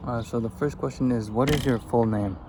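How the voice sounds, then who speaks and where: Talking a little fast in a medium-pitched voice, an Afghan man in his twenties vlogs outdoors, eating as he answers get-to-know-me questions. He's easygoing, giving loose, rambling answers. Birds and background noise are present in the recording.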